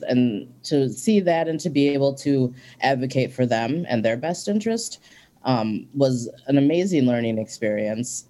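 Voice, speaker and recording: Someone in their forties who grew up in Minnesota is a guest in a casual interview, thinking aloud in an earnest, reflective way and pausing often on "um." Their warm voice sits at an ordinary middle pitch.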